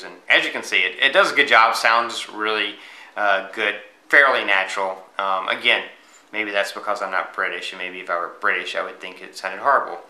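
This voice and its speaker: A man's voice: fairly low pitch, bright, forceful tone. An American man hosting a casual app review, rambling with lots of fillers and restarts. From United States. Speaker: tech reviewer, channel host. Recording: echoey room.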